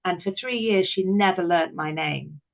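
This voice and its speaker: On thin, phone-like call audio, a middle-aged British woman, an actress, director and writer, guests on a podcast interview. Her voice is on the low side at normal speed, and she reflects candidly on her own experiences, often at her own expense.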